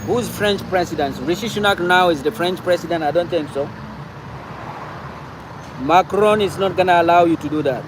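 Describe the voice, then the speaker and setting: A man hosts a loose, chatty livestream, reading out viewer comments and answering them aloud. His voice sits a little high for a man, and he often repeats his words. Loud traffic noise carries behind him. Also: moderate pace, long pauses. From Cameroon. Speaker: livestream host.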